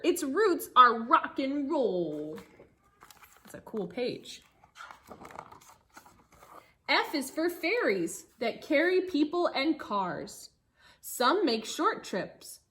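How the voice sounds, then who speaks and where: Reading a rhyming picture book aloud to children, a teacher uses a singsong delivery and pauses for brief asides to keep them engaged. Her voice is a little high and a bit bright.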